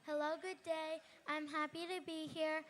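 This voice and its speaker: A young female student gives a formal, memorized self-introduction. Her voice is high and bright, with very little variation in pitch. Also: little pitch movement, normal speed, a little hiss or hum. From Spokane, Washington. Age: young, school student. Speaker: powwow royalty.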